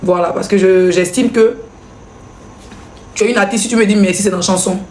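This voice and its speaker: A woman's voice: mid-range voice, fairly even intonation, a little mellow, echoey room, slight background noise. A woman blogger, hosting a live stream and commenting in a mocking, laughing way. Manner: mocking, laughing, rapid back-and-forth with viewers.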